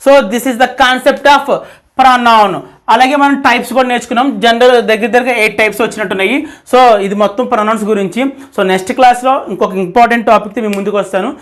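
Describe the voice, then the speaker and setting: A teacher giving a spoken grammar lesson who repeats key points, asks rhetorical questions and dictates example sentences slowly. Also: mid-range voice, steady tone, a bit bright.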